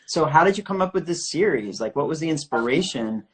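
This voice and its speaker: A man's voice: a little high, expressive, a little fast. A man hosting a live online art interview series over a video call, chatty and full of questions. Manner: friendly, chatty, asks questions.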